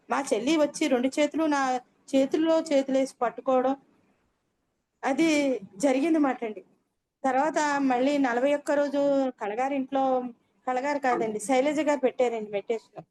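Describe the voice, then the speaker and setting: Older woman with a high voice recounting her experience. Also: moderate pace, pauses often, a little mellow, slight background noise. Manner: earnest storytelling, frequent polite "andi" endings. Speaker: meditation practitioner sharing her experience. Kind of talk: personal testimony.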